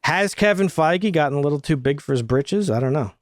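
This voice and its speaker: A man co-hosting a film podcast in casual chat, animated and profane, often laughing. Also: a little high, brisk, dry recording, clean studio sound. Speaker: podcast co-host.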